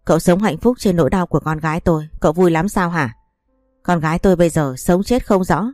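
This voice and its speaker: Brief: a woman voicing a furious grieving older mother, mellow low voice. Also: fairly quick, no echo, faint music behind, lightly acted. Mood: enraged. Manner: shouting accusations.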